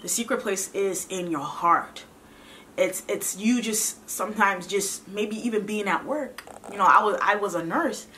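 A woman's voice: medium pitch, unhurried, sharp tone, a little hiss or hum. A young woman sharing a faith testimony in an earnest, preachy way, often repeating herself and calling viewers sis. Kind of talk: heartfelt testimony talk.

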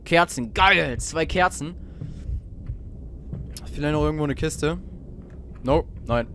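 A man's voice: a little high, slow pace, slight background noise. A teenage boy playing a horror game and joking nervously to his viewers, with faint game ambience behind him. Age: teens. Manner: nervous, joking, talks to viewers, sudden shouts. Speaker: let's play gamer. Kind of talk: horror let's play commentary.

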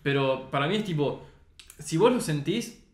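A man's voice: a little high, animated, normal speed. A young man with a Rioplatense Spanish accent, a podcast guest and photographer talking earnestly in casual chat, full of slang fillers. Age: young adult. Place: recording studio. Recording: roomy studio echo.

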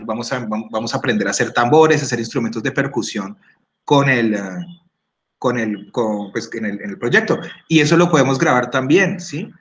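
A man giving a casual screen-recorded app tutorial, explaining step by step, often checking in and clearing his throat. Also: mid-range voice. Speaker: workshop instructor. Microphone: computer or phone microphone.

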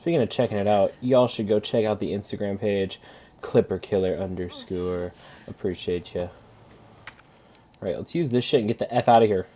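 A man's voice: on the low side, moderate pace, warm tone, a little hiss or hum. A man streaming a horror game with live commentary, sounding scared and panicky, in casual slangy talk with swearing.

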